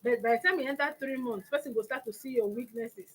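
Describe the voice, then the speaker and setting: High-pitched Nigerian woman talking conversationally. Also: fast talker. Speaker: talk show host. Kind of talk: conversational talk in Nigerian Pidgin.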